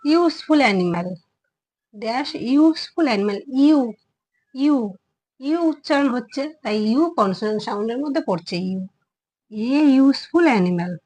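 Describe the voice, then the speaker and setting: A woman's voice: fairly high pitch, animated, normal speed, pauses often, a little mellow, poor audio. A woman teaching a children's English grammar lesson, patiently repeating words and sounding out each vowel. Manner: patient, explanatory.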